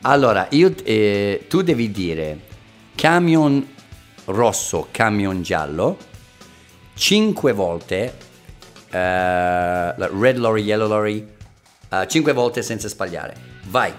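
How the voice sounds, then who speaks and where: Playful low-voiced man teaching slowly. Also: very animated. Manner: playful, jokey, switching between languages. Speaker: podcast host, English teacher. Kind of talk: casual podcast lesson. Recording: faint guitar music behind.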